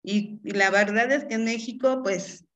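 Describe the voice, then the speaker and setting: A woman's voice: medium pitch, steady tone, moderate pace, lo-fi sound. Encouraging Mexican woman professor. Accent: Mexican Spanish. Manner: warm, encouraging, laughs often, asks "¿sí?". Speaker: chemistry professor. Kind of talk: interview answers.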